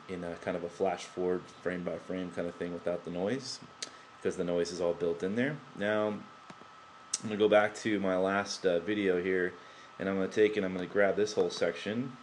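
A deep-voiced man presents a computer tutorial off the cuff, speaking into his laptop's built-in microphone. He rambles, restarts often and leans on fillers, with slight background noise in the recording.

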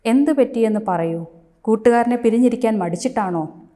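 A woman's voice: medium pitch, lively intonation, unhurried, lightly acted. Woman reading as a kind schoolteacher. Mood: coaxing. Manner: coaxing, raised and louder in questions. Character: kind, encouraging male schoolteacher.

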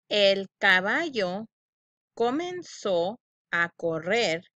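A woman's voice: mid-range voice, pushed and bright, lo-fi sound. A woman teaching children a phonics lesson, drawing out each syllable and repeating sounds for learners to echo.

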